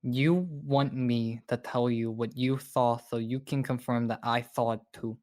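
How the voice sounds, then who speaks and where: A woman dryly narrates what her character does in an actual-play tabletop game. Her voice is extremely low for a woman. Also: little pitch movement, a little slow, darkish tone.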